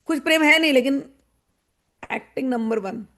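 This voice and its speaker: A woman spiritual teacher giving a devotional discourse, wry and animated, who acts out the people she describes. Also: sits high, normal speed. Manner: wry, mocking.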